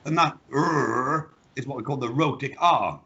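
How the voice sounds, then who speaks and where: Bright-voiced teacher. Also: male voice, medium pitch, a little slow, lo-fi sound. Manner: corrective, drilling pronunciation, opinionated asides. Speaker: English teacher. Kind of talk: online English lesson.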